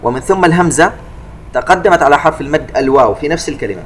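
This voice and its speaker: A man giving a tajweed lesson, calmly explaining recitation rules between slow chanted verses. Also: a little high, slight background noise. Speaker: Quran recitation teacher.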